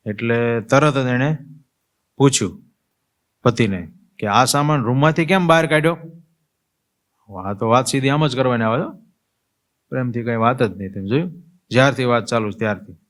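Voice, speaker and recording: A man's voice: medium pitch, moderate pace, pauses often, a bit bright. A man, a monk, preaching a sermon through a story, in a conversational way that keeps checking in with the listeners. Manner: conversational, asks listeners "you see?" and "tell me".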